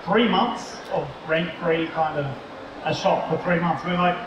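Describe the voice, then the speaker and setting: Aussie bloke yarning at a mall talk, booming echo, noisy crowd. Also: male voice, unhurried, muffled recording. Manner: chatty, conversational storytelling. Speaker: toy company co-founder giving a talk. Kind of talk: casual live presentation. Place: large indoor shopping mall expo. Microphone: distant mic on a live talk. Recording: echoey mall hall, distant mic, crowd noise.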